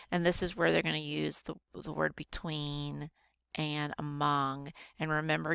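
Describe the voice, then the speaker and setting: A woman teacher patiently walking students through a grammar worksheet, slowing down to show careful reading. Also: on the low side, vocal fry, a bit bright, clear, resonant tone, no echo. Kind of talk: recorded grammar lesson for students.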